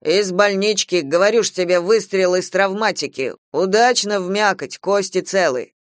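A woman's voice: medium pitch, normal speed, dry recording, studio quality, voice pushed up, lightly acted. A woman voicing an indignant wounded old man. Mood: matter-of-fact. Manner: defensive, indignant grumbling. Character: wounded older man, grumpy, hurt joker.

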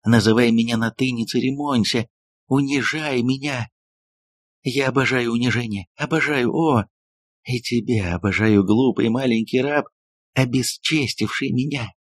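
A breathless, theatrical woman novelist gushes in exalted tones, as a male audiobook reader puts her on. The voice is husky and close, with no room around it at all. The delivery is even and measured despite the rapture. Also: mid-range voice, dry recording, natural voice. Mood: rapturous. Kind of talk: audiobook reading.

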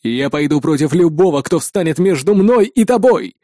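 A man's voice: fairly high pitch, expressive, normal speed, mellow, no echo, studio quality. A man doing an overwrought curly-haired young lover. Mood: declamatory. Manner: overwrought, declamatory.

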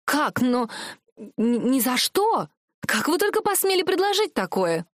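A woman's voice: high voice, big pitch swings, unhurried, dry recording, clean studio sound, voice pushed up. Woman doing a fiery, sarcastic young princess. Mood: indignant. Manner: sarcastic, indignant. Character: proud, fiery young royal heiress. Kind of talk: audiobook character voice.

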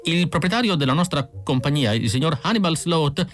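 A man's voice: a little high, animated, fairly quick, voice pushed up, lightly acted. A man voicing a nervous young clerk who stammers and babbles in an audiobook reading. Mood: flustered. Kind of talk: audiobook character voice.

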